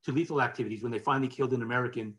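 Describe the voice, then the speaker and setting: A man's voice: medium pitch, fairly even intonation, rapid-fire, fairly bright tone. A man giving a conversational policy lecture from slides, often restarting phrases and checking in with the audience.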